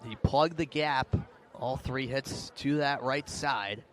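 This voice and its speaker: A man with a mid-range, fairly bright voice speaks slowly as he calls a game live on radio from an outdoor ballpark or sports field. He describes the action in detail and raises his intensity for big plays, with faint background noise audible in the live broadcast.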